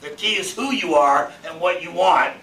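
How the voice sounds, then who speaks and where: A man's voice: on the high side, normal speed, bright, forceful tone. A man in his fifties giving a motivational seminar talk, emphatic and repetitive, full of rhetorical questions. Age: 50s. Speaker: seminar speaker. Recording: roomy, from far off, faint background noise.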